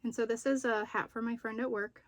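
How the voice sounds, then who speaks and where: A woman vlogger chatting casually as she shows her craft projects, slightly out of breath after being sick and pausing to recall details. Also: on the high side, steady tone, dry recording. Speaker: crochet and knitting vlogger. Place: room at home with poor lighting.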